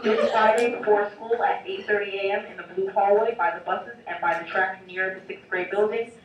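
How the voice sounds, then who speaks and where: A school announcer comes through the school intercom, reading lists of names and bus numbers in a steady announcing tone. The voice is heard from across the classroom through a wall speaker, with a strong echo. Faint noise sits underneath. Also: medium pitch, lo-fi sound. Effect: school intercom loudspeaker. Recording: echoey loudspeaker heard from far off with faint noise.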